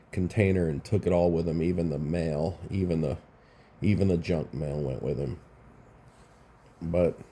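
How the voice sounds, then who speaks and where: Speaking in a deep, dark-toned voice, a man runs a laid-back commentary vlog on YouTube. He sounds stuffed up, wanders in his talk, and often begins phrases again.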